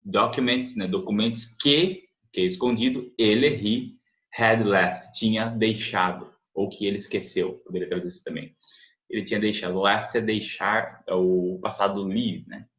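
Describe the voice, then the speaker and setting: Low-voiced Brazilian man teaching English, echoey. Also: fairly even intonation, fairly bright tone. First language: Portuguese. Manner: explanatory, repeats words slowly for pronunciation, frequent tag questions. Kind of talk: language lesson, translating and explaining. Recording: echoey, dull lo-fi room recording.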